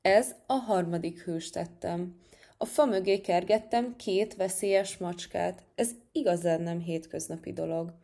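A cocky young hare from a children's storybook, puffing himself up and bragging about his brave deeds, as a woman reads him. The voice sits a little low and comes across proud and showy. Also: gravelly, mellow. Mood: boastful. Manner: proud, showing off. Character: boastful young male field hare.

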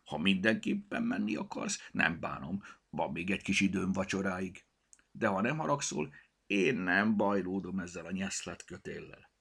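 A man's voice: low voice, gravelly, fairly bright tone, slightly rough, exaggerated voice. A man voicing a cautious, timid talking cat in a storybook reading, with worried, nagging warnings. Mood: grudging.

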